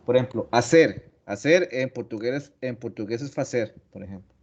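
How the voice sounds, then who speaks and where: A man's voice: medium pitch, animated, moderate pace, a little mellow. Man lecturing with a dull lo-fi sound. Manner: explains step by step, repeats key words, asks rhetorical questions. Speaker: teacher. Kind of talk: online class lecture. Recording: dull lo-fi audio.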